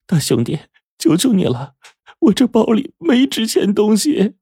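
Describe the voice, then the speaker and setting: A man voicing a frightened rural middle-aged woman who begs desperately in a high voice. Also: very animated, unhurried, dark tone, slightly rough, dry recording, studio quality, exaggerated voice. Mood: pleading. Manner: shrill, desperate pleading.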